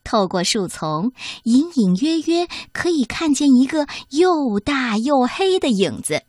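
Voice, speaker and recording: A woman narrating a children's storybook in an expressive, sing-song way. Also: sits high, measured pace, breathy edge, no room sound, studio quality.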